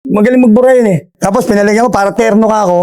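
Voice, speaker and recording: Older guy telling prison stories, pretty high voice, keeps adding little "right?" checks. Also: fairly even intonation, very fast, a little mellow. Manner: storytelling with frequent tag questions. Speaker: interviewee, former inmate. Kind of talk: casual recounting of prison life.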